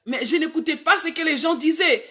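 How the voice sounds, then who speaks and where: A woman's voice: high-pitched, fairly quick, a bit bright. Woman preacher repeating phrases for emphasis. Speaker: evangelist preacher. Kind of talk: sermon.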